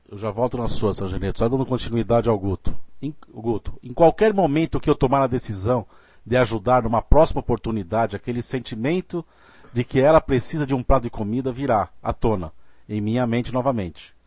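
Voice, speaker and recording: A man of middle pitch reads listeners' questions aloud, polite and deliberate. His voice sounds close and dry. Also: darkish tone, slightly rough, no room sound, highs cut off. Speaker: host relaying audience questions. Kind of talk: question reading, live discussion.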